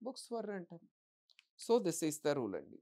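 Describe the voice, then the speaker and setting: A woman's voice: deep voice, very animated, warm tone. A woman teaching English grammar for exams, asking the class questions and answering them herself. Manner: reads English example sentences slowly and deliberately. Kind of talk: exam-prep grammar lesson.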